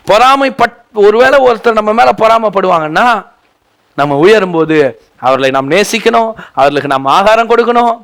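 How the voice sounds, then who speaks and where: A pastor preaching a sermon in an impassioned, repetitive way that swells into shouts. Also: male voice, sits high, creaky.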